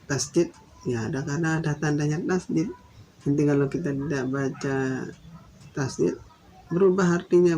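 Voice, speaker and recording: A man teaching Quran recitation, explaining patiently and repeating his points, then chanting verses slowly and drawn out. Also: on the high side, darkish tone, a little hiss or hum, low-quality recording. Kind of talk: slow explanatory recitation lesson.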